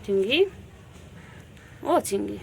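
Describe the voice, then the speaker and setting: A woman vlogger talking sing-song baby talk to her cat on a rooftop, repeating pet words and dropping to soft murmurs. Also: mid-range voice, slow, gravelly, a little hiss or hum. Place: rooftop outdoors.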